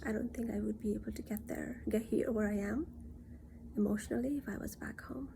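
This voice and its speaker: A woman from Nepal, talking in an earnest, reassuring monologue that often drops into soft near-whispers. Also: medium pitch, fairly even intonation, fairly quick, vocal fry, noisy background. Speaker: self-reflection vlogger. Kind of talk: casual reflective monologue.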